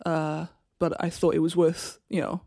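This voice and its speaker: Gravelly Welsh woman, easygoing guest. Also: low-pitched, moderate pace, no room sound, studio quality. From Wales. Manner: relaxed, patiently explaining. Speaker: guest musician. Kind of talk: casual interview chat.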